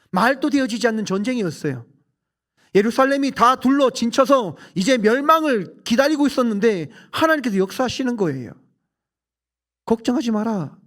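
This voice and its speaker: A man preaching from the pulpit in a church sanctuary. His voice sits high and swings widely, pressing hard on key phrases and falling quiet for emphasis. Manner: forceful preaching, rising and dropping emphatically. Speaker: pastor. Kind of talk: sermon.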